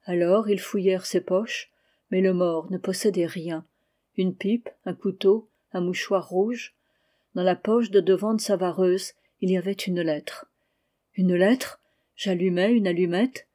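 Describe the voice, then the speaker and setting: Female audiobook reader, mellow and warm, steady literary narration. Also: measured pace. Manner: steady reading, louder and higher for quoted cries. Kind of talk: scripted narration of a novel.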